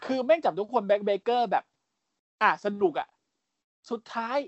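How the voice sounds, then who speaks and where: Animated, crude-talking male podcast host. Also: high voice, a little slow, no echo, lo-fi sound. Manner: animated storyteller, crude slang, mimics voices. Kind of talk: casual podcast recap.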